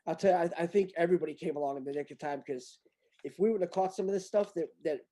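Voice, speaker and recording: A man with a dark, mellow voice rambles in disbelief, repeating phrases as he reads passages aloud. He jumps between points in a loose, casual commentary chat. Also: fairly high pitch, quick pace. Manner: incredulous, rambling, repeats himself. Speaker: guest reading a document aloud.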